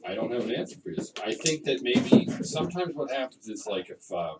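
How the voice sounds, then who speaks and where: A man's voice: medium pitch, sing-song, a little fast, distant mic, heavy background noise. A man hosting a comedy podcast, talking loosely and jokingly in a rambling way. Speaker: podcast host. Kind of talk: casual comedy chat.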